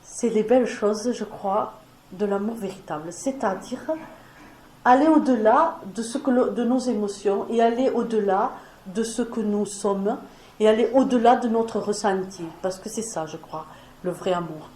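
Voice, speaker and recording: Speaking French with a foreign accent, this woman gives a sincere spiritual talk to a small gathering in a meeting room, chatting casually and using fillers. Her pitch is medium, her speed normal and her tone dark, captured in an echoey space with a little background noise.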